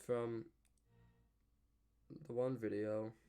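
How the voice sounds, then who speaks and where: A man's voice: on the low side, flat delivery, extremely slow, mellow, clean tone, soft background music. A man hosting a reaction video, making casual commentary full of musing, unsure asides.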